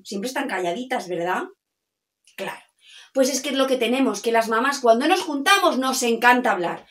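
A middle-aged woman telling a children's story, singing and coaxing listeners to join in. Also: sits high. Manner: animated, sings and coaxes listeners to join in. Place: home.

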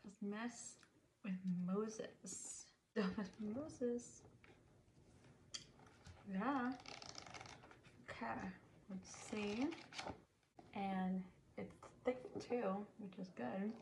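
A young woman in a soft-spoken, ASMR role-play as a librarian, murmuring to herself in a small bedroom. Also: medium pitch, very slow, vocal fry, pauses often. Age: young adult. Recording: noisy, with clicking and tapping.

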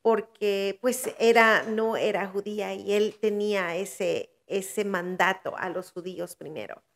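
Older woman, preacher, podcast guest, slow pace, earnest testimony. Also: medium pitch, steady tone, creaky. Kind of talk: podcast interview.

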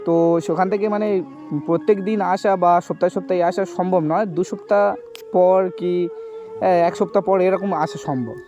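Gentle reassuring man, lo-fi. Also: high-pitched, fairly even intonation, normal speed, long pauses. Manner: gentle and reassuring, asks "okay?" again and again. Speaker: charity video host. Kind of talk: staged outdoor conversation. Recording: dull lo-fi sound with music behind. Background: background music.

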